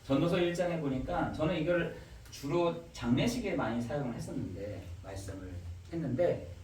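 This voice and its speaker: A man preaching a Sunday sermon in a church sanctuary, his voice swinging widely and expressively in pitch. It is fairly high for a man. The sound is roomy and echoey, picked up from some distance with faint background hiss. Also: normal speed. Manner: animated preaching, acts out questions to God. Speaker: pastor.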